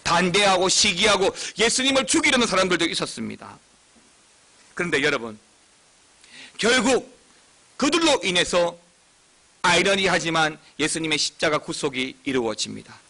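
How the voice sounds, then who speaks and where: A middle-aged man preaching a sermon in a high, very bright voice. His pitch leaps and dips with lively energy, and he breaks into shouts and acted cries to drive his points home. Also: moderate pace, gravelly, pauses often. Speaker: pastor.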